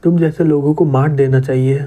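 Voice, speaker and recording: A man voicing a calm, powerful young male hero who speaks firmly. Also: fairly high pitch, brisk, natural voice.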